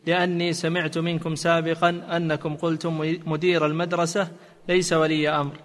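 A man with a slightly high, very flat voice reads out questions in a steady, formal tone. He sits a little off the mic, and a long hall reverb trails each phrase. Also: fairly quick. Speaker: reader of submitted questions. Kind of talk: reading questions aloud.

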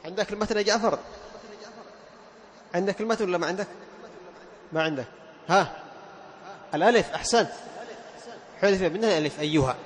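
Male recitation teacher with a high voice, leads a class, drags out example words to demonstrate sounds and asks students for answers. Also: fast talker, long pauses, a little hiss or hum. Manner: quizzes students with questions and praises answers. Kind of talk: classroom lesson on recitation rules.

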